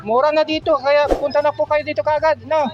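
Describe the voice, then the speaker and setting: A man's voice: extremely high pitch, fairly even intonation, brisk, muffled recording, noisy background. A man with a Filipino accent vlogging casually at outdoor stalls, asking vendors for prices and talking to his viewers as friends. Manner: chatty, asks prices, addresses viewers as friends. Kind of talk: casual walk-through vlog.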